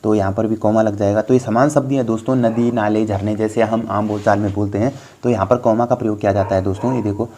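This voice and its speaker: A man's voice: fairly low pitch, steady tone, quick pace, few pauses, warm tone. A young man tutoring viewers through a Hindi grammar lesson for exams, explaining patiently and often calling them friends. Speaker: exam tutor.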